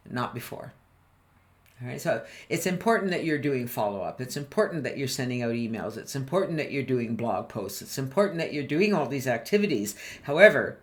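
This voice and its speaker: A woman business coach giving a live online training, animated and constantly quizzing her listeners. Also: very deep voice. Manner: animated, keeps quizzing the audience. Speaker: business coach presenting a webinar.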